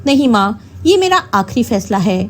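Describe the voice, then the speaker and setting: A woman voicing a proud, stubborn young wife with a sharp, indignant way of speaking, telling a storybook tale. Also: a little high, very animated, normal speed. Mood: angry.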